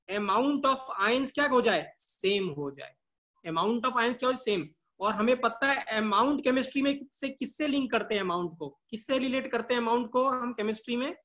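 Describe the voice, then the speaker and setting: A man's voice: very high-pitched, fairly bright tone. A male chemistry teacher giving a live online class. He keeps asking questions and answering them himself, and drills key terms by repeating them.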